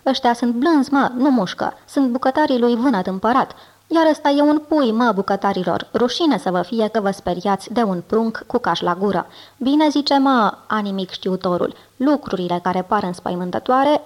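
A woman voicing an old male zmeu monster, a gruff fond uncle who talks in a folksy, drawling, scolding way, in an audiobook reading. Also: fairly high pitch, expressive, darkish tone.

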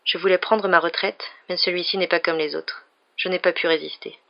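Brief: storybook grandmother, elderly, kind, matter-of-fact, voiced by a woman reader; gravelly edge. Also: lowish voice, fairly even intonation, a little fast, highs cut off.

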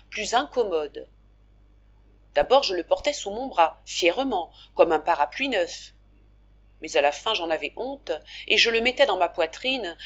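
A woman narrating an audiobook of a classic novel in a measured, expressive storytelling manner. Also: mid-range voice, breathy edge, dull audio.

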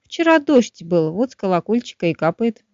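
A woman voicing a friendly little male finch in a storybook, explaining things gently. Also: mid-range voice, very animated, normal speed, dry recording. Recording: dull, dry studio sound.

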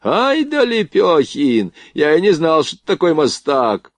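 A man voicing a big, bold, swaggering army lieutenant who barks gruff commands, in a high and loud voice. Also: lively intonation, moderate pace, dry recording. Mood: commanding, rowdy.

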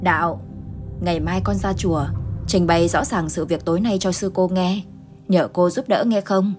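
A stern old village woman from a spoken ghost story, low and commanding, cutting off every question with curt orders, as a woman puts her on. Soft music plays behind her. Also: fairly even intonation, normal speed, natural voice. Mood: firm. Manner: firm, curt, authoritative.

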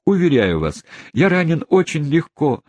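A man reading the part of a lightly wounded, lovestruck gentleman who pleads fervently. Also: a little high, big pitch swings, normal speed, no room sound, pitched above the performer's own voice. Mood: soothing. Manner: pleading, ardent.

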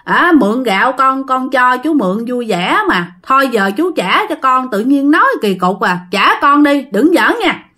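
A woman's voice: high voice, big pitch swings, normal speed, few pauses, pushed and bright, exaggerated voice. A woman voicing an insistent young man who keeps pressing for what he is owed. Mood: annoyed. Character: young man, friendly but stubborn.

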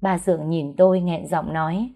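A woman's voice: fairly low pitch, fairly even intonation, normal speed, vocal fry, dark tone. A woman narrating an emotional first-person story, reading dialogue and pleading lines herself.

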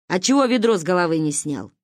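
A woman's voice: lowish voice, animated, fast talker, no echo, studio quality. A woman reading the part of a sarcastic, imperious old grandmother in a storybook reading. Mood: tart. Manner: caustic, cutting.

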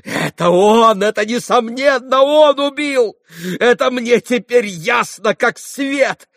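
A man voicing a hot-tempered young man accused of murder, who shouts breathless protests in an audiobook. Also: extremely high pitch, takes it slowly, gravelly, no room sound, studio quality, pitched above the performer's own voice, exaggerated voice. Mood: frantic.

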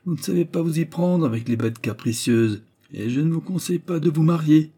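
A man reading the part of a gruff, grumbling old male professor who is a confirmed bachelor, in an audiobook. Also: on the high side, expressive, brisk, dark tone, voice pushed up. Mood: scolding.

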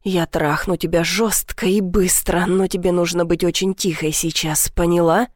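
A woman putting on a hushed, possessive young man. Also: fairly even intonation, no room sound, clean studio sound, lightly acted. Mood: hushed, urgent. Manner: low, slow, hushed, commanding. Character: intense possessive young man, a jealous lover. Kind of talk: audiobook character reading.

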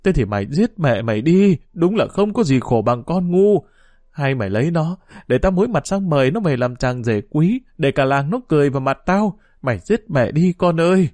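A raging village mother from a storybook, shrill and wailing as she berates her daughter, as a male narrator puts her on. The voice rides high above the reader's own, loud and swinging wildly up and down, in a dry, close sound. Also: expressive, moderate pace, no echo, natural voice. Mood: scolding. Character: furious middle-aged village mother.

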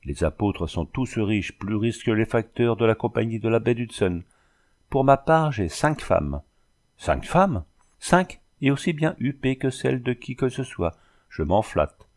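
A man reading an audiobook voices a coarse, boastful backwoods bandit sailor who talks rough and mocking. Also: medium pitch, sing-song, a little slow, darkish tone. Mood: gruff mocking.

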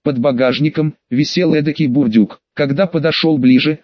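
A man narrates an audiobook in a steady, even delivery with a slightly raised pitch. The recording is dry and a little muffled, with a lo-fi character. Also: moderate pace, dry recording.

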